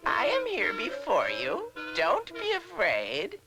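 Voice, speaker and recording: A woman playing a wicked forest witch as a very old, frail woman in a storybook drama, with a creaky, cackling, theatrically coaxing delivery. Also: fairly high pitch, wildly swooping pitch, takes it slowly, over music, exaggerated voice. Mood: falsely sweet, coaxing. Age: very old woman, as played. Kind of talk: dramatized storybook fairy tale.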